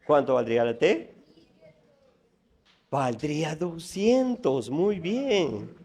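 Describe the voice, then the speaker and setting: A male teacher lectures a room of students on mathematics. His voice sits a little high, and he speaks slowly and deliberately. He keeps putting questions to the audience and counting off numbers one by one. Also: very animated, darkish tone, breathy edge. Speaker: math teacher giving a conference talk.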